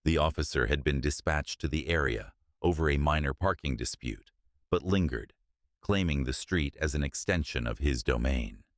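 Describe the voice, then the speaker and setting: A man narrating a scripted story in a steady, measured way. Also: a bass voice, no echo, clean studio sound.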